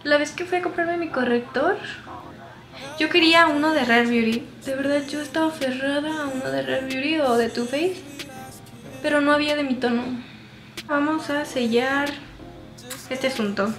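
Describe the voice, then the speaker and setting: A woman's voice: sits high, normal speed, long pauses, reverberant, music in the background. A young woman in her twenties with a Mexican accent, chatting and rambling with self-deprecating asides while doing her makeup in a small bedroom. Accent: Mexican Spanish. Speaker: vlogger. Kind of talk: casual makeup vlog chat.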